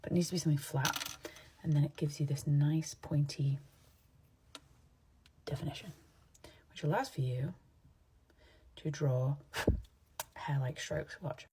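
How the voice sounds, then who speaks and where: A woman from England with a partly Americanized English accent, chatting and rambling into her phone at home while doing her makeup, sometimes dropping into soft asides. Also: low-pitched, unhurried, pauses often, husky. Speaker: makeup vlogger. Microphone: phone camera.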